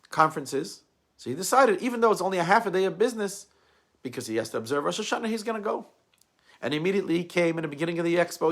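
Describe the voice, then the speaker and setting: Animated rabbi telling a story, man. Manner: animated storyteller with big swings of pitch and volume. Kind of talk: sermon-style storytelling.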